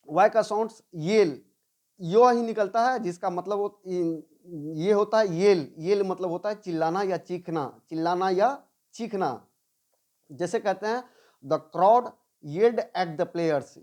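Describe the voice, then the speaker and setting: A woman teaching English pronunciation in a slow classroom style. She repeats each word several times and asks questions that she then answers herself. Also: mid-range voice, a little mellow. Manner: drills words by repeating them, asks and answers her own questions.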